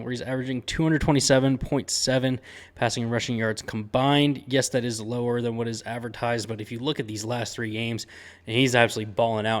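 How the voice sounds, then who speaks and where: A man hosting a casual sports betting picks show, speaking at an everyday middle pitch. He sounds upbeat and conversational and throws in slangy sports talk. Fillers like "um" and "uh" run all through his delivery. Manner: chatty and upbeat, with frequent "um" and "uh" fillers.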